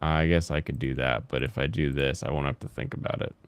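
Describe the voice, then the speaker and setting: Deep, smooth-voiced young man chatting over gameplay. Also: fairly even intonation, no room sound. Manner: rambling, halting, with frequent fillers. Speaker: gaming host. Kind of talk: casual gameplay chat.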